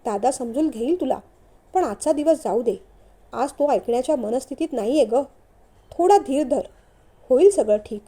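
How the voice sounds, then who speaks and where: A woman voicing a calm, supportive young man who reassures his sister-in-law in a storybook reading. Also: high-pitched, normal speed, slightly rough. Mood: reassuring. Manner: gentle, reassuring.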